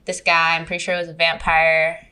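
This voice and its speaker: A woman's voice: sits low, monotone, normal speed, sharp tone, clear, resonant tone. Giggly young woman telling a story. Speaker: podcast guest. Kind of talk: casual storytelling chat. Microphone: remote recording.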